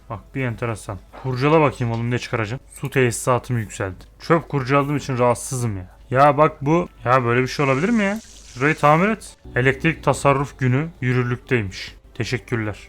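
A young man giving casual, excitable gameplay commentary, chatting to and scolding the game characters with playful swearing. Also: medium pitch. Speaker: gamer.

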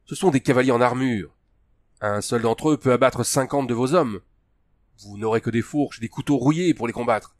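A man's voice: lowish voice, normal speed, no room sound, studio quality, close to an everyday voice. A man voicing a stern principled colonel. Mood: urgent.

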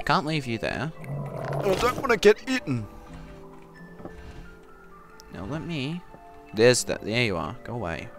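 A man giving goofy, casual gameplay commentary, talking to the game and breaking into sudden loud yelps. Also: mid-range voice, big pitch swings, slow pace, creaky, long pauses. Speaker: gaming commentator. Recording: game music behind the voice.

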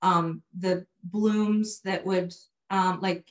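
A woman's voice: on the low side, fairly even intonation, drawn-out words, lo-fi sound. Hesitant, candid woman answering questions. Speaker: exhibit curator giving a talk. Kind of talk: informal question-and-answer on a video call. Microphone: video call.

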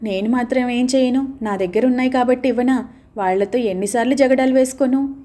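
A woman's voice: fairly high pitch, brisk, mellow, close to an everyday voice. A woman voicing a weary, resigned older woman who complains in an audio novel.

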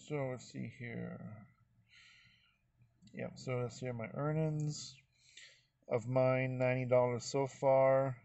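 A man's voice: mid-range voice, a little mellow, no echo. Folksy rambling man, dry close sound. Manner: rambling, folksy, thanks viewers often. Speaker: vlogger. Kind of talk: casual screen-recorded walkthrough.

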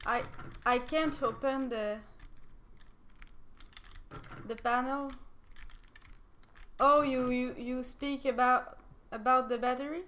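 French gal streaming a game, high bright voice, squeals and laughs a lot, talks kinda slow. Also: female voice, a little hiss or hum. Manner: excitable, laughs often, bursts into squeals and shouts. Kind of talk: casual gameplay commentary.

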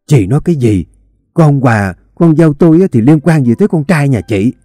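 Guy voicing a tough old mother-in-law, snippy and offended, mellow tone. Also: medium pitch, animated, a little fast, no echo, studio quality, soft background music, voice pushed up, close to an everyday voice. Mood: indignant. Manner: indignant, sharp retorts. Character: stern older mother-in-law, protective of her son.

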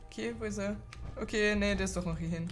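A young woman giving casual let's play commentary, excitable, swearing and laughing a lot. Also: medium pitch, fast, faint music behind. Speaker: gaming video host.

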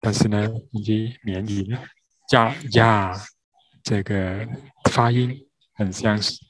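Slow, low-voiced man teaching syllables. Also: steady tone, no room sound, low-quality recording. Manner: spells out syllables one by one; measured, with frequent pauses. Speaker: interpreter for a grammar class. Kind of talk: slow spoken lesson.

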